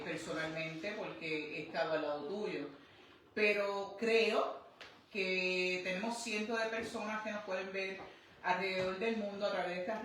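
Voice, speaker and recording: A woman's voice: medium pitch, fairly bright tone, slight background noise. A woman hosting a livestream interview, speaking earnestly to an online audience. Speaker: host. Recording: very echoey room, far from mic.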